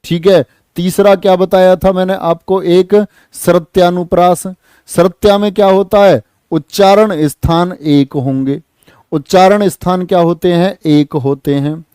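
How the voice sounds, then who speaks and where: A man teaching an exam-prep class, lively, asking students questions and answering them himself. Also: high voice, a little slow, smooth, no echo. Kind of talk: online exam-prep lesson.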